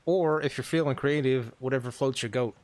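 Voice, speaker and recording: A man's voice: mid-range voice, a little fast, a little mellow. Easygoing teasing man in Western role-play. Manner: easygoing, teasing, laughs often.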